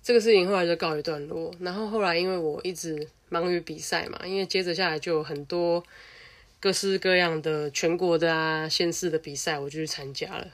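A woman's voice: lowish voice, a little fast. Taiwanese girl telling a story, casual and blunt, swears a lot, gets worked up. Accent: Taiwanese Mandarin. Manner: blunt, animated, swears freely.

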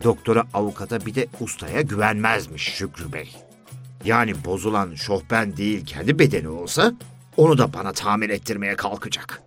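A low-voiced man reads a first-person story aloud with lively, expressive intonation. His delivery is weary and dry. The sound is close and dead, with no room echo. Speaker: audiobook narrator.

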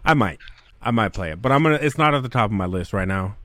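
A man's voice: lowish voice, lively intonation, fast talker, fairly bright tone, dry recording, clean studio sound. A man co-hosting a podcast in casual chat, blunt and opinionated, swearing freely as he reviews a game. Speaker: podcast co-host.

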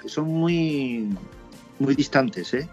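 A man from Spain chatting casually and telling lively stories about his motorcycle trip. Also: medium pitch, very slow, muffled recording, soft background music. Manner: lively storyteller, swears casually. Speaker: motorcycle traveler guest. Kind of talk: casual chat.

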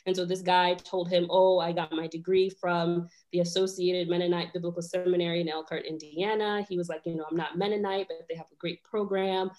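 A woman's voice: fairly low pitch, little pitch movement, fairly quick, few pauses, a little mellow. A woman in her late twenties, born in Rwanda, chatting as a guest on a podcast with many fillers and easy laughs. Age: 20s. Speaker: guest lawyer. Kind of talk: casual podcast chat.

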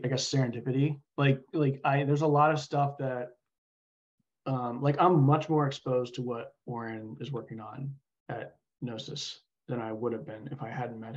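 A man speaking informally as an interview guest, halting and thinking aloud as he explains his views. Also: mid-range voice, dull audio. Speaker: podcast guest, software engineer. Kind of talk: casual interview conversation.

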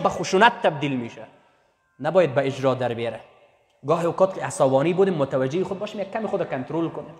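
A man preaching a sermon in Persian, repeating phrases for emphasis and raising his voice on key points. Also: high voice. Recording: echoey hall with long reverb.

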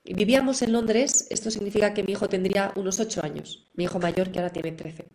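A woman's voice: mid-range voice, fairly even intonation, quick pace, poor audio. A middle-aged woman, teaching parents in a live online class in an encouraging manner. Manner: warm, encouraging, acts out examples. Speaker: parenting educator.

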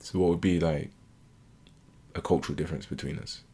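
A British man with a very low voice speaks in a relaxed, reflective way. He asks curious, probing questions and muses aloud as he chats with his wife. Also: a little fast, slightly rough. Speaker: podcast co-host. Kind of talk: casual chat.

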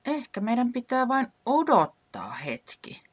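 A woman voicing an eager, cheerful young fox in a children's story, chirpy and quick with ideas. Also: a little high, huge pitch swings, husky, no room sound, voice pushed up, heavily acted. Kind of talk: storybook character voice.

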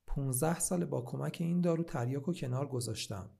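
A grateful old man chatting to the person beside him, read by a man. His voice is gravelly and creaky, at a middle pitch. It is told like a storybook. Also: mellow. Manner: talks to his neighbor.

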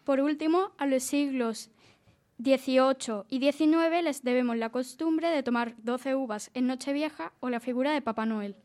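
A woman presenting a short scripted segment on a casual group show, reading facts in a relaxed way. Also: high voice, normal speed.

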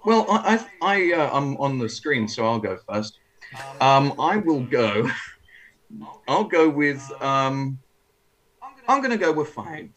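A man taking part as a guest contestant on a live quiz, talking in a hesitant, halting, self-deprecating way. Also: medium pitch, very animated, a bit bright, dull audio. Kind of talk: casual chat on a live quiz.

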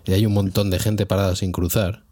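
Low-voiced joking man with a Spanish accent. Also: level tone, fairly quick, dark tone, no room sound, clean studio sound. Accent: Spanish from Spain. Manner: joking, laughs between playful exaggerations. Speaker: podcast co-host. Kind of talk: casual chat.

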